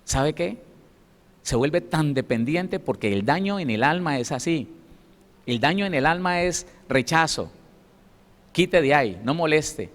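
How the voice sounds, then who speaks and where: A Colombian pastor preaches with emphasis in a Colombian Spanish accent, now and then voicing the people he describes. His voice sits a little high for a man. The sound rings with long reverb from a church hall. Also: animated, a little slow. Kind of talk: sermon.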